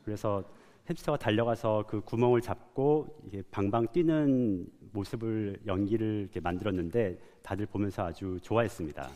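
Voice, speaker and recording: A man's voice: lowish voice, normal speed, mellow. Man lecturing in a reverberant hall. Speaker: animator giving a talk. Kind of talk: prepared public lecture.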